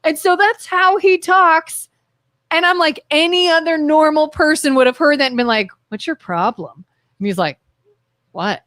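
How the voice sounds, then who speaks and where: A woman in her thirties co-hosting a casual live talk show, acting out quoted dialogue with lively energy. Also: high voice, moderate pace, no echo, clean studio sound. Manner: animated, acts out quoted dialogue, laughs. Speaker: podcast co-host.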